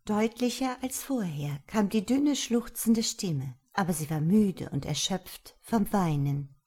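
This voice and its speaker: A woman reads a fairy tale aloud, measured and expressive. Her pitch moves in a lively, wide melody as she tells the story. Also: breathy edge. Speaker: narrator. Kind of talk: storybook reading.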